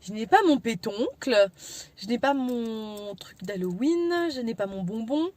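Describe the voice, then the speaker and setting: A woman chats informally as a vlogger. Her voice sits a little high yet has a very soft, dark-edged tone. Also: lively intonation, unhurried. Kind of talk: casual chatty vlog about daily chores.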